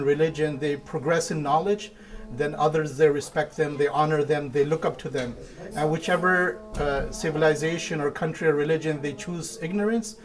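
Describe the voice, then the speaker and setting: Imam speaking in measured, listed points. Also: male voice, a little high. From India. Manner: measured, lists points one by one. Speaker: imam of a mosque. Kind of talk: interview answers.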